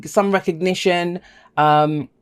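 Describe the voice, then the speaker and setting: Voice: mid-range voice, steady tone, takes it slowly, smooth. Tarot reader chatting to viewers, eager and talky, lots of you know and right. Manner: enthusiastic, emphatic repetition, chatty asides. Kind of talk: casual spoken tarot reading to viewers.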